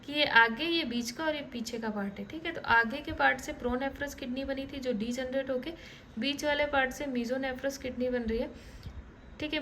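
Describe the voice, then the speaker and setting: A high-voiced woman teaching a class as she walks through diagrams. She talks in a relaxed, conversational way, checking in with listeners and restarting words mid-thought. A faint room hum sits behind her voice. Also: low-quality recording. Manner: repeats "ठीक है" often, restarts words. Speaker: biology teacher. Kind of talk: online lecture explaining diagrams.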